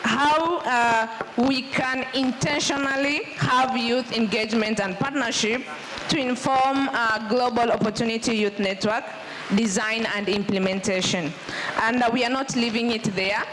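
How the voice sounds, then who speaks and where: A woman with a slightly high voice moderates a conference panel. She repeats her prompts and leans on filler sounds as she steers the session. Steady noise hums behind her. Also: poor audio. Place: conference venue. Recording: background noise.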